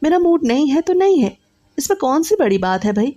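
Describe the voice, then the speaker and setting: A woman reads out a young husband who is irritable and curt, brushing off questions and snapping back. The tone stays mellow and warm, as in a read-aloud story. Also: mid-range voice, steady tone, natural voice. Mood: angry. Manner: curt, dismissive, raises voice. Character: irritable young married man, curt and defensive.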